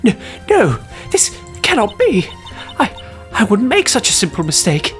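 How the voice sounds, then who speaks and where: Defensive female witness in a courtroom video game, played by a man, high and jumpy. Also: wildly swooping pitch, unhurried, fairly bright tone, faint music behind, exaggerated voice. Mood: flustered. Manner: defensive, flustered.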